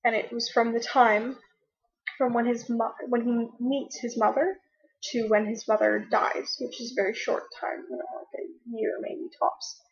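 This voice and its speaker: A young woman chats to her laptop webcam at home, rambling and restarting her sentences. Her voice sits a little high with a husky edge. The webcam audio is dull and lo-fi. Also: flat delivery, normal speed. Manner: chatty, rambling with many fillers and restarts. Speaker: vlogger. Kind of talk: casual chat to camera. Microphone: laptop webcam mic.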